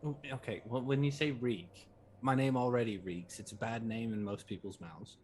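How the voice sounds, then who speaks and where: A man's voice: medium pitch, moderate pace, slight background noise. A man chatting casually and jokingly as a player in a tabletop role-playing game.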